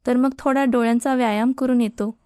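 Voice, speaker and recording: A woman's voice: fairly high pitch, fairly even intonation, fairly quick, a little mellow, clean tone, dry recording, clean studio sound, natural voice. A woman voicing a cheeky, joking young male college student with a flippant way of talking. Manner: teasing, flippant.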